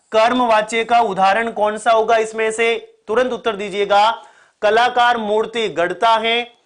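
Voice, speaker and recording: A man teaching an online exam-prep grammar lesson with a sore throat. He repeats the key points and keeps asking the class to answer quickly. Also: sits high, a bit bright.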